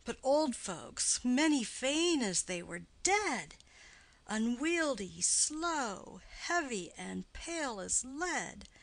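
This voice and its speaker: Lovesick young girl woman performer, classical play: highish voice, measured pace, declamatory, earnest, impatiently pleading. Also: very animated, creaky, heavily acted, low-quality recording. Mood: impatient longing. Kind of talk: classical stage play reading.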